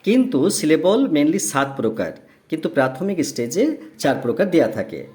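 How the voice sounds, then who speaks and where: A man's voice: fairly high pitch, big pitch swings, moderate pace, a little mellow. A male tutor giving a patient lesson, repeating words and breaking them into parts as he explains. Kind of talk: slow, explanatory classroom lesson.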